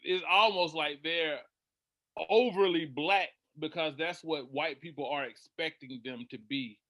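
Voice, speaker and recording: A man speaking as a panel guest in casual discussion, measured and opinionated. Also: on the high side, bright, forceful tone, dry recording.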